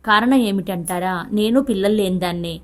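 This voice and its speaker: Woman narrating a sympathetic lady doctor, gentle, measured, audiobook reading. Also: medium pitch, close to an everyday voice. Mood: earnest. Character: calm, sympathetic female doctor.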